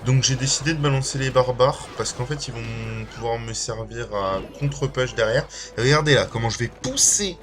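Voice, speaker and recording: A man's voice: mid-range voice, moderate pace, hardly any pauses. A man with a slight slushy lisp on his s, giving casual, informal and somewhat hesitant gameplay commentary as a video creator. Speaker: gaming video creator and streamer. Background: music.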